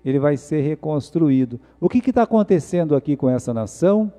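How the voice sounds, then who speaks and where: A Brazilian pastor delivers an emphatic sermon, his fairly high voice dark and mellow in tone. He fires off rhetorical questions and drops to quiet asides between loud peaks. The sound rings with the long reverb of a church hall. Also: expressive, fairly quick. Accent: Brazilian Portuguese. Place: church sanctuary.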